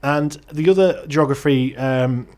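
A man's voice: mid-range voice, measured pace, a little mellow. A man from Middlesbrough with a Teesside accent, co-hosting a casual podcast in a blunt, jokey, mildly sweary way. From Middlesbrough, northeast England. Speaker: podcast co-host.

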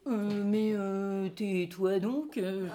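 A woman's voice: medium pitch, steady tone, drawn-out words, mellow. A woman with a French accent reading a sheepish middle-aged cuckold who hesitates and fills gaps with "euh". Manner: hesitant, full of filler sounds.

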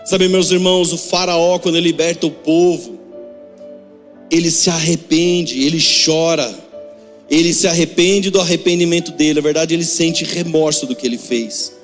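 A man preaching a sermon as pastor, impassioned, swinging between hushed passages and raised, half-sung pleas. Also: fairly high pitch, fairly even intonation, normal speed. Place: church hall. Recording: long church reverb with soft music.

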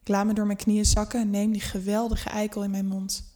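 A woman narrates a first-person erotic story, unhurried and intimate. Her reading is scripted and steady, and it drops to a near hush at times. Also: mid-range voice.

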